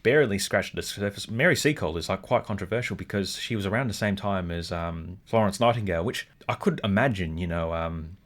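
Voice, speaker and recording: An Australian man with a somewhat low voice chats through a casual review. He rambles and hedges as he talks. He laughs easily. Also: fairly quick, few pauses, a bit bright. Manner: chatty, hedging, laughs often. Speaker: podcast co-host.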